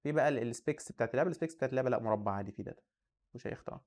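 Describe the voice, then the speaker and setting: A man's voice: mid-range voice, a little mellow. A young Egyptian man in his twenties talks at a breakneck pace. He hosts a coding channel and thinks aloud casually as he browses and comments, with a mid-range voice. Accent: Egyptian Arabic. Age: 20s. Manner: rapid, chatty, thinking aloud while browsing. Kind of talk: casual screen-share commentary.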